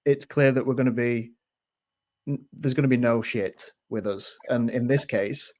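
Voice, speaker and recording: A man co-hosts a relaxed podcast and keeps things light with teasing jokes. His voice sits at an ordinary middle pitch, and he chats in a plain, casual way. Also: normal speed. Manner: jokey, teasing. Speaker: podcast co-host.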